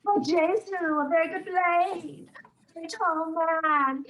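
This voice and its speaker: Woman as a teasing young nobleman, theatrical Shakespeare reading, measured pace. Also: extremely high pitch, fairly bright tone, slight background noise, full character voice, poor audio. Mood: mocking. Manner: theatrical, teasing verse delivery. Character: witty, mocking young male nobleman.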